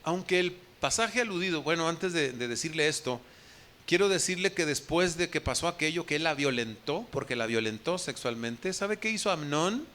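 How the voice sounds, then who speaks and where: A man's voice: on the high side, animated, normal speed, sharp tone, slight background noise. A man preaching a sermon as a pastor, asking the congregation direct questions and acting out the quoted speech of the people in his story.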